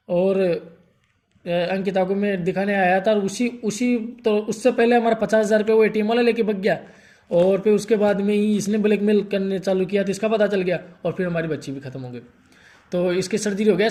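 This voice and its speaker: A young man telling a painful personal story in a halting, grief-stricken way, stopping often to soothe someone beside him. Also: high-pitched, mellow. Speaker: vlogger telling his story.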